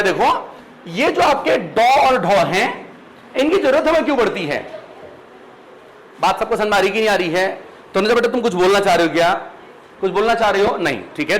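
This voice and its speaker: A man's voice: high voice, a bit bright, slight background noise, poor audio. A man lecturing a class on grammar. He calls students "beta", keeps checking whether they understand, and stretches out syllables when he sounds out letters. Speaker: Hindi grammar teacher.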